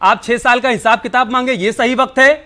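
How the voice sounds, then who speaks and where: A high-pitched man moderating a TV debate in a firm, scolding tone, cutting in on his guests, with faint music under him. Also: fairly even intonation, fairly quick. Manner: forceful, scolding, cuts in on guests. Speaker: news anchor.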